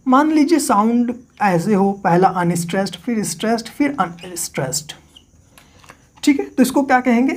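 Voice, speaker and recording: A man's voice: very high voice, lively intonation. Man teaching, quizzing and repeating terms. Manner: asks the class questions, then answers them himself; repeats key terms slowly for dictation. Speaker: literature teacher. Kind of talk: classroom-style lecture.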